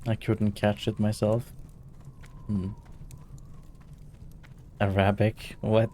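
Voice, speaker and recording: Slow, flat, and warm in tone, the Norwegian streamer sounds tired and hesitant as he chats low-key with his viewers while gaming. A little hiss or hum runs under the audio.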